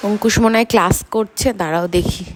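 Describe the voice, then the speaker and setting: A woman's voice: medium pitch, fast talker. A woman, chatting casually to viewers in a family vlog and playfully scolding her kids. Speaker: family vlogger, mother. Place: family home indoors.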